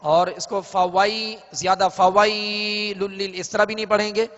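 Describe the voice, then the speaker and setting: A man teaching Quran recitation, explaining pronunciation slowly and then chanting verses in a drawn-out way. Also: sits high, steady tone, a bit bright. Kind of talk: tajweed lesson with chanted recitation. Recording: dull lo-fi audio in a reverberant hall.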